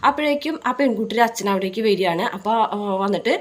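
A woman's voice: mid-range voice, lively intonation, a little hiss or hum. A woman casually retelling a TV serial episode in a chatty storytelling style. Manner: rapid, chatty retelling with fillers. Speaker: serial recap narrator.

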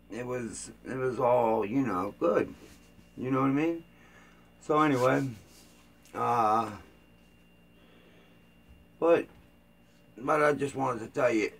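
An older man rambles to his camera in an unhurried, drawn-out way, his voice rough with vocal fry. His talk is loose and informal, full of fillers and restarts, with a tired edge. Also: fairly low pitch, a bit bright, slight background noise. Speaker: vlogger. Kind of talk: casual rambling vlog chat.

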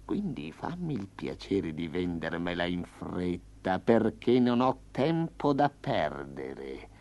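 A man voicing a smug, hungry male tiger with a slow, low, purring growl in a storybook reading. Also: very animated, darkish tone, exaggerated voice. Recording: slightly dull lo-fi.

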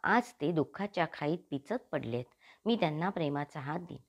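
A woman's voice: deep voice, animated, normal speed, dull audio. A woman voicing an earnest, compassionate male spiritual thinker in an audiobook, pleading in inner monologue. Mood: impassioned. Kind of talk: audiobook character reading.

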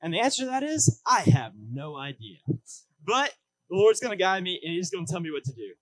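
Male, late teens, slightly high voice. Earnest student preacher reading in short phrases, dry recording. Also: sing-song, brisk, dry recording, low-quality recording. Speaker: student speaker at a church youth service. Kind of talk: youth sermon read from notes at a lectern. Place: church hall stage, indoors.

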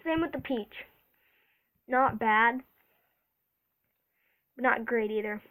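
A woman's voice: fairly high pitch, slow pace, fairly bright tone, rough recording. A woman vlogging a casual taste test, chatty and eager, reacting aloud as she tries each one.

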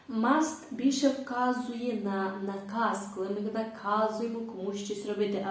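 A woman teaching English grammar step by step, reading her English examples slowly and carefully. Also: medium pitch. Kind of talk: explaining grammar lesson. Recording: very echoey room, distant mic.

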